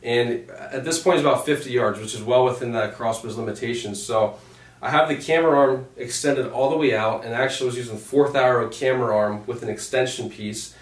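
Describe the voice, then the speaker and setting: A man's voice: mid-range voice, brisk. A man casually narrating his own hunting footage, telling it as a personal story. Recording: roomy, distant microphone.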